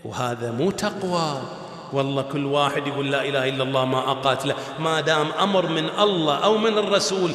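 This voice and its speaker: A man preaching a sermon, telling the story with rhetorical questions and rising to near-shouts. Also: a little high, fast talker. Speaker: shaykh preaching. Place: large prayer hall. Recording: echoey hall with long reverb.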